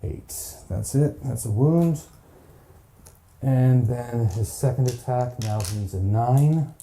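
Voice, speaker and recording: A man's voice: medium pitch, slow pace, creaky, warm tone, a little hiss or hum. A man narrating a solo board game campaign, counting dice aloud in a chatty, self-mocking way. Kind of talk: casual play-through narration.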